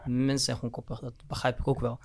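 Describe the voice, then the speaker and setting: A young man argues his opinion at a very quick pace. His casual speech mixes slang with English words, at a medium pitch. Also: little pitch movement, a little mellow. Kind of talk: casual discussion.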